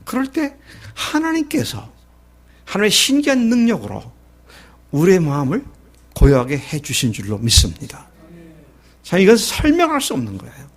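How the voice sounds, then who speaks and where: Lively middle-aged man preaching. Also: high-pitched, normal speed, long pauses. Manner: lively preaching, acting out Jesus and the disciples in quoted lines; asks the congregation questions and answers them. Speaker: pastor. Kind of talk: sermon.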